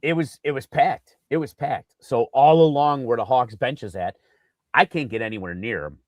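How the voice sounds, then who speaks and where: A man co-hosting a casual sports podcast, telling an animated story with lots of fillers and acted-out quotes. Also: medium pitch, normal speed, dry recording. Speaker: podcast co-host.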